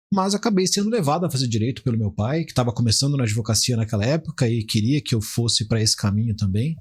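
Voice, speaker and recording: Speaking in a mid-range, darkish and slightly rough voice, a Brazilian man in his forties gives explanatory answers as a podcast guest. He is a criminal defence lawyer, and his conversational replies frequently start over mid-phrase.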